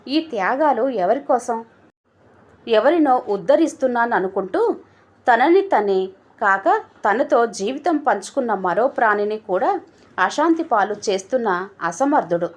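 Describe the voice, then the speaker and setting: A woman narrating a family story in a measured, steady reading voice. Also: a little high. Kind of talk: scripted narration.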